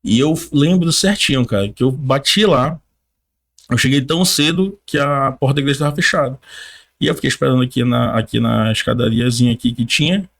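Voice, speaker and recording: A man's voice: mid-range voice, fairly quick, gravelly, a bit bright. A young man from Brazil, a podcast guest animatedly telling a personal testimony, often laughing and calling the listener "cara".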